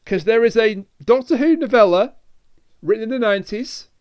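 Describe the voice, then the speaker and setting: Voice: medium pitch, animated, moderate pace, clean tone, muffled recording. A podcast co-host in casual chat, eagerly explaining story details and trivia.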